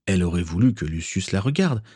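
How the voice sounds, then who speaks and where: A man reading a story aloud as narrator, steady and measured. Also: low voice, husky, no echo, clean studio sound.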